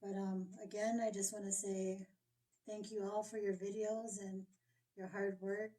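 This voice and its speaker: A woman from South Dakota addresses powwow participants as head judge. Her voice is soft-edged and mellow with very little rise and fall. She is recorded a little way from the microphone. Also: mid-range voice, little pitch movement, unhurried. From South Dakota, USA. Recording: distant microphone.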